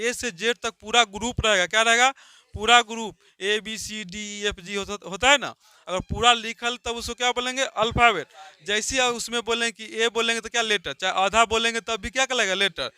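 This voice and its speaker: A man's voice: high-pitched, fairly even intonation, normal speed, sharp tone, clear, resonant tone, no room sound. A male teacher giving a classroom lesson, constantly asking questions and answering them himself.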